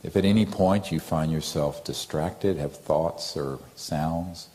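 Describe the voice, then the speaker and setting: Softly and gently, with long pauses, a man guides listeners through a meditation in a rumbling low voice. At points he draws out a chanted mantra.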